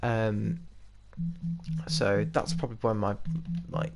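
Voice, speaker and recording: Playing a game with music in the background, this twenty-something English streamer rambles casually in a British accent and laughs a lot. He speaks slowly in a fairly low, gravelly voice with fairly even intonation, and there's slight background noise.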